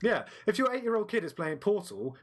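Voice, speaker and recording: A man's voice: high voice, big pitch swings. A man with an English accent, co-hosting a podcast in casual, emphatic debate, swearing freely. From United Kingdom. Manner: emphatic, swearing, quick to laugh. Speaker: podcast co-host.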